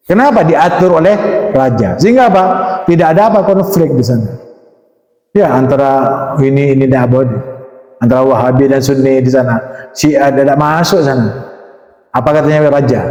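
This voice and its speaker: Guy giving a sermon, high pitched, lots of questions at the crowd, roomy echo. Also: darkish tone, lo-fi sound. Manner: rhetorical questions to the audience. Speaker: preacher. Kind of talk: Quran commentary sermon. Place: mosque or religious school hall. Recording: echoey hall reverb.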